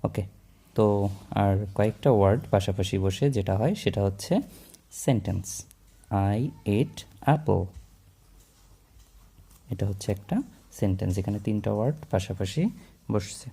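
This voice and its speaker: A man's voice: fairly low pitch, moderate pace, creaky, long pauses, warm tone, breathy edge. A man explaining English grammar in a casual classroom way, mixing in English terms and checking in with "okay?" often while he writes. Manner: writes on a board while talking.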